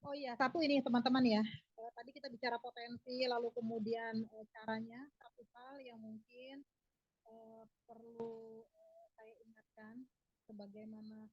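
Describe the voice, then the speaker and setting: A woman's voice: fairly high pitch, little pitch movement, moderate pace, husky, no room sound, muffled recording. A woman giving a webinar talk over an online call, her voice faint and breaking up, with many hesitations. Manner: many hesitations, filler sounds. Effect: voice breaking up, faint and choppy over a bad online connection. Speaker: speaker presenting a travel business.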